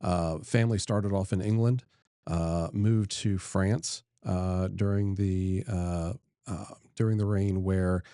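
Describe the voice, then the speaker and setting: Low-pitched and dark-toned with fairly even intonation, this middle-aged man is a state senator from Delaware, USA, chatting as an interview guest. He tells stories in a relaxed, folksy, unhurried manner, recorded in a clean studio with no room sound.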